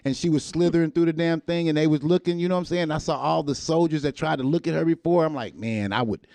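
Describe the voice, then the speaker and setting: A man's voice: on the high side, fairly even intonation, fast talker, vocal fry, mellow, no room sound. Brief: loose, crude male podcast host, dry close sound. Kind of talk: casual podcast banter.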